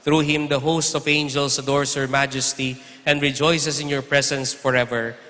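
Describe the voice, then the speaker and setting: A priest's voice carries through a large church, each phrase hanging in a long cathedral echo. He is a man with a bright, forceful tone who keeps his delivery flat and even, intoning the prayers at a steady, measured pace. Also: mid-range voice. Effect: cathedral echo, long church reverb. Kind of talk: liturgical prayer recitation. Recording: long echoey church reverb.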